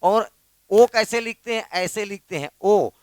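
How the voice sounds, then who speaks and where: A man's voice: high-pitched, measured pace, no echo. A male teacher with a Chhattisgarhi Hindi accent giving a classroom grammar lesson, drilling students by asking and repeating the answers. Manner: repetitive, drills students with questions.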